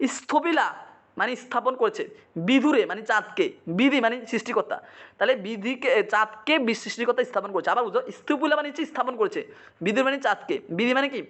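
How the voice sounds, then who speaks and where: A man's voice: extremely high pitch, lively intonation, brisk, fairly bright tone. Male teacher explaining a poem. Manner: checks in with rhetorical questions, repeats meanings; dramatizes quoted lines, mixing in English. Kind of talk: poetry lesson, line-by-line explanation.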